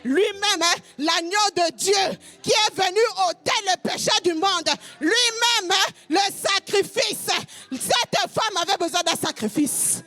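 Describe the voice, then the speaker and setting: Woman pastor from Congo, fervent preacher, high voice, repeats lines in half-sung shouts. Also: slow pace, few pauses, soft background music. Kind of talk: sermon.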